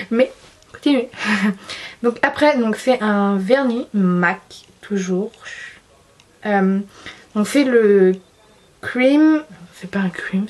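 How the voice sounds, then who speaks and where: A young woman chatting casually about her favorite makeup, giggling, restarting sentences and poking fun at herself. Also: mid-range voice. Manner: chatty, giggly, self-deprecating, frequent restarts. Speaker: beauty vlogger.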